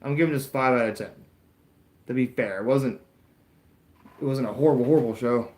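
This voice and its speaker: Speaking fairly quickly in a mid-range, slightly mellow voice with a roomy sound, this Floridian YouTuber in his twenties hosts a live wrestling watch-along. He rambles casually to viewers, responds to chat messages, and makes fun of himself.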